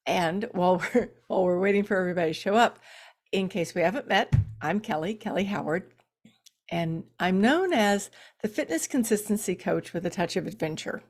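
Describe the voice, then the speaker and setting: A middle-aged woman, a fitness coach, talking casually to viewers on a live stream with fillers and soft laughs, her voice slightly worn. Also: lowish voice, brisk. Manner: chatty, warm-up small talk with fillers and soft laughs. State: losing her voice.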